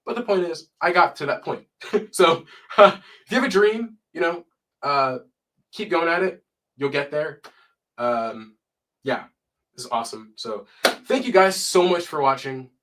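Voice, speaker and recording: A man's voice: fairly high pitch, animated, a little slow, pauses often, fairly bright tone, slight background noise. A young man with a stuffy, cold-blocked voice, hosting a casual live stream and reading numbers aloud with chatty asides. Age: young adult. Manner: chatty, reads figures aloud and adds asides.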